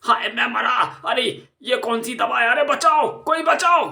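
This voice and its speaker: A man's voice: on the high side, expressive, measured pace, bright, forceful tone. A man doing a whiny cowardly swindler. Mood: panicked shrieking. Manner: whiny, panicky, wailing. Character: greedy cowardly young male swindler, whiny.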